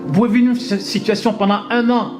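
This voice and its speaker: A man's voice: sits high, steady tone, fast talker. Fervent man in his fifties preaching. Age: 50s. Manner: emphatic, repetitive, punctuated by amens and hallelujahs. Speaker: pastor. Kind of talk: exhorting sermon talk with his wife. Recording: music playing underneath.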